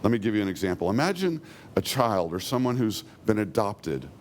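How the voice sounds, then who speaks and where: Male pastor, sermon delivery, low voice, earnest, faint rumble in the room. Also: big pitch swings. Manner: earnest preaching, slows and softens when quoting God.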